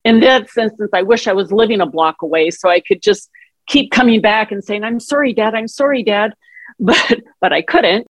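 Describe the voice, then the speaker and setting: A woman's voice: mid-range voice, moderate pace, dry recording. A middle-aged woman in an interview, telling personal caregiving stories in a reflective, conversational way and acting out quoted dialogue. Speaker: guest, author and caregiver.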